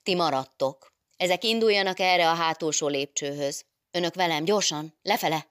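A woman voicing a loud, bold gentry nun who shouts commands. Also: on the low side, no echo, studio quality, voice pushed up, lightly acted. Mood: commanding.

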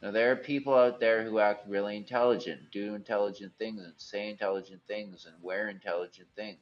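Low, gravelly smoker's voice, male. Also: fairly even intonation, brisk, dull audio, soft background music. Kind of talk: rambling personal monologue.

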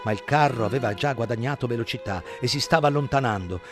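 A man narrating an audiobook in a dramatic, measured way. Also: mid-range voice, fairly bright tone, soft background music. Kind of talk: scripted narration.

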